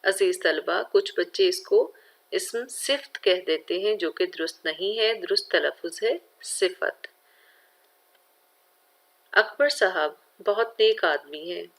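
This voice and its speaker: A woman's voice: fairly low pitch, normal speed, hardly any pauses. A woman teacher with a Pakistani Urdu accent giving a recorded grammar lesson to schoolchildren, explaining carefully and speaking to her students directly.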